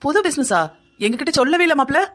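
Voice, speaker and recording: A woman's voice: sits high, expressive, quick pace, fairly bright tone. A woman voicing a caring mother in a cartoon story, giving motherly advice. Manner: motherly, advising. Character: caring middle-aged mother.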